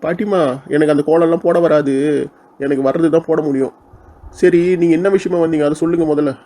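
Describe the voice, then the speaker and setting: A man playing a sharp-tongued young woman who mocks and picks fights in a comic village skit. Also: on the high side, fairly even intonation, fast, close to an everyday voice. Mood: mocking. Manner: mocking, insolent, picks fights.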